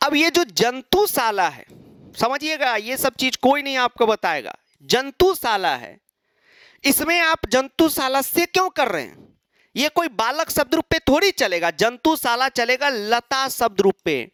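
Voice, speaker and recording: A man's voice: very high voice, very animated, a little slow, a bit bright, dry recording, studio quality. A man teaching an exam-prep lesson, explaining step by step and answering his own questions. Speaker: Sanskrit teacher.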